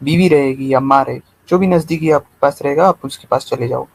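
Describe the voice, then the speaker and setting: Calm questioning man on a debate call. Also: mid-range voice, fairly quick, vocal fry. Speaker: debate guest. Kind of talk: live online debate.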